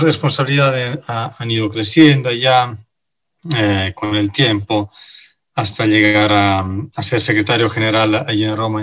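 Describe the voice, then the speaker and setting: A middle-aged man from Italy, a native Italian speaker with an Italian accent, answering radio interview questions in a halting way, full of pauses and fillers. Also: on the low side, a bit bright. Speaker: guest, finance director.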